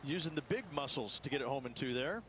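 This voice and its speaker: A man's voice: mid-range voice, lively intonation, quick pace, fairly bright tone, a little hiss or hum. A man giving live golf commentary as an analyst.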